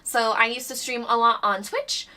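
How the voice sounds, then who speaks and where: A woman chatting excitedly on a board game live stream, bubbly and rambling, a little out of breath. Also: on the high side, normal speed, far from the mic. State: a bit out of breath. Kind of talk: casual live-stream chat.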